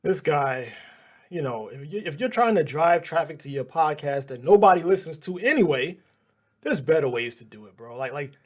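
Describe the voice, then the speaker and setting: A man's voice: a little high, expressive, moderate pace. A man hosting a news channel, reacting to clips in a casual, sarcastic and exasperated way.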